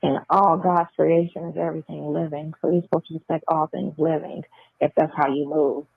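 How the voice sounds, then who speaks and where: A deep-voiced woman speaks a little fast in a level tone, with vocal fry and a breathy edge and no room sound. On a band-limited, tinny jail phone line, she chats bluntly and keeps repeating phrases for emphasis.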